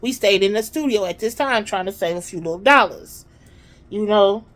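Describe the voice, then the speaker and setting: A woman hosting her own vlog, telling a story in an animated, chatty way and talking straight to her audience. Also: mid-range voice, normal speed. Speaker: vlog host. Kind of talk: casual storytelling to viewers.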